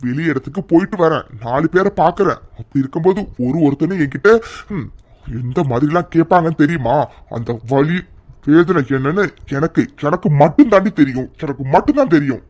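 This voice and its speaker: A man's voice: a little high, expressive, fairly quick, darkish tone. A man voicing an angry scolding cartoon husband. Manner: harsh, scolding, raised voice. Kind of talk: cartoon serial voice acting.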